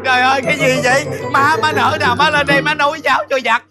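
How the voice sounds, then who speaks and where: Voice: high-pitched, level tone, fast talker, over loud music, lightly acted. An actor playing a wailing henpecked husband. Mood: pleading. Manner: wailing, pleading. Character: whiny henpecked husband begging for help. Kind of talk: stage comedy sketch.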